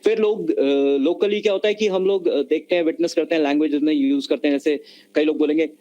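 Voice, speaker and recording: A man's voice: on the high side, fairly even intonation, quick pace, dark tone, muffled recording. A man giving an online lecture on communication skills, explaining patiently and mixing Hindi and mid-sentence over a video call. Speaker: webinar lecturer.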